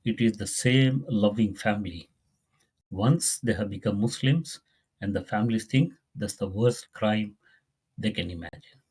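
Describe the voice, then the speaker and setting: Male Quran teacher, low husky voice, earnest and repetitive delivery. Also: measured pace, darkish tone. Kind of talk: religious lesson.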